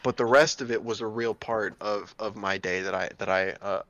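Bright-voiced rambling young man. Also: on the low side, fairly even intonation, normal speed, no room sound, dull audio. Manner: rambling, many fillers and restarts, jokey. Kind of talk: casual chat.

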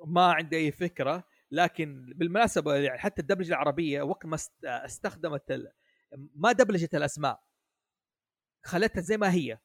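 A man's voice: on the high side, fast talker, no room sound, studio quality. A man, a guest in a casual chat about an anime, who talks with many restarts and keeps checking in with his listeners. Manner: hesitant, many restarts, asks "حلو؟" often. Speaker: podcast guest.

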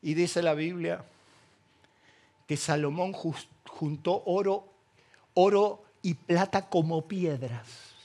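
Argentine pastor guy preaching, really high voice, gets loud then goes quiet. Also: slow pace, pauses often. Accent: Argentine Spanish. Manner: impassioned preaching, swings from loud to hushed. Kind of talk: sermon.

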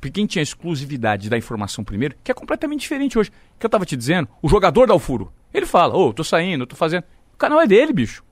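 A man's voice: fairly high pitch, wildly swooping pitch, very fast, few pauses, dry recording. A man with a Brazilian Portuguese accent, a sports reporter telling a vivid story in a casual podcast chat.

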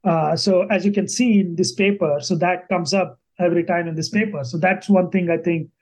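A guest scientist from India whose native language is Kannada answers interview questions thoughtfully, with many fillers and restarts. His voice is high-pitched, steady and a little mellow, at normal speed.

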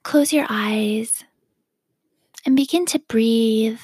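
A woman leading a guided self-awareness meditation, speaking softly and calmly with a whispery, breathy delivery. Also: a little high, no room sound, studio quality. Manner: slow, calm, gently instructive.

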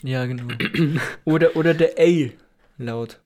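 A man's voice: fairly high pitch, slow, a little mellow. A man casually explaining things on a podcast, hesitant with many fillers and a teasing edge. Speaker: podcast co-host explaining dialects.

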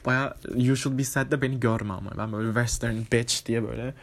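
A man's voice: medium pitch, fairly even intonation, fairly quick. A man telling a casual, rambling storytime monologue, chatty with lots of fillers and offhand swearing. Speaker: vlogger.

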